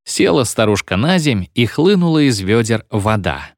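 A man narrating a short story in an expressive, theatrical audiobook reading. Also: medium pitch, moderate pace, dry recording, studio quality. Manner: theatrical, animated.

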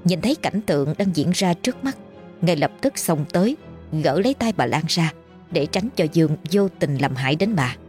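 A woman, reading a ghost story in brisk, scripted audiobook narration. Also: low-pitched, lively intonation, darkish tone, faint music behind.

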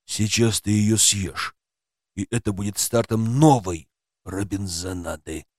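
A furious rough rescuer growls and barks his threats in a low, menacing voice, as a male narrator puts him on. The tone drops below the reader's usual voice and turns hushed and harsh. The sound is close and dry. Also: animated, a little slow, dry recording. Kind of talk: audiobook character voice.

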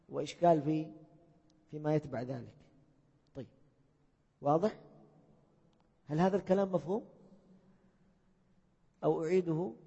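A man teaching a classroom lesson, pitched a little high with a husky, mellow tone. He keeps asking his students questions and repeats key points. The recording is dull and lo-fi, with a long hall reverb behind him. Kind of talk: classroom lesson on Arabic morphology. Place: lecture hall.

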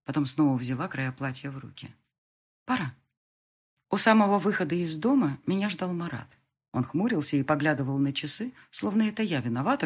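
Woman reading a romance audiobook, lively pitch, a bit husky. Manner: expressive, animated. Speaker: audiobook narrator. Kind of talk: first-person audiobook narration.

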